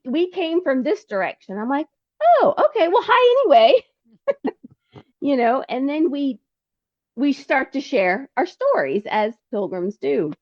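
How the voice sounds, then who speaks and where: A woman guest telling her story in a casual, animated way, acting out conversations with laughter. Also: fairly high pitch, no room sound, lo-fi sound. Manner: animated, acts out dialogue with laughs. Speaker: podcast guest, pilgrim.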